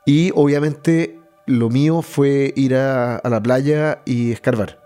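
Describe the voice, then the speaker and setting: Soft background music plays as a Chilean-accented man, interviewed about his own experiences, speaks in a medium-pitched, mellow, smooth voice. His testimony is halting, with frequent restarts mid-phrase.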